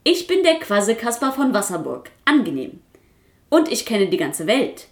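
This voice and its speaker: A woman voicing a talkative, boastful little male Kasper puppet in a storybook reading, chattering excitedly and insisting on getting his way. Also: on the high side, moderate pace.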